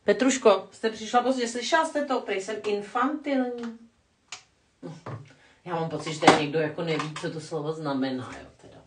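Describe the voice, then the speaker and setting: A woman's voice: low-pitched, recorded from a distance, heavy background noise. An older woman chatting casually on a live stream while doing her makeup, rambling and self-mocking as she answers the chat. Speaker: vlogger reading live chat. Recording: echoey room, voice a bit off-mic.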